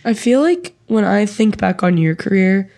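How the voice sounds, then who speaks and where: A young woman co-hosts a casual podcast with a playful, joking manner. Her voice sits at a medium pitch. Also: animated, normal speed, mellow. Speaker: podcast co-host.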